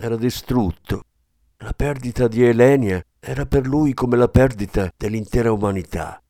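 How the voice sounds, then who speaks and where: A man narrating an audiobook in a steady, measured way, close to the mic. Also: medium pitch, dry recording. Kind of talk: audiobook reading.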